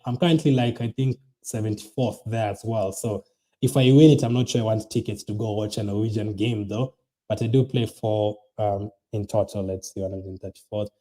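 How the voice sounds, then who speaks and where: Late at night and tired, a young man hosts a casual fantasy football livestream, reading viewer comments and rambling with lots of ums and restarts. His voice is medium-pitched and warm.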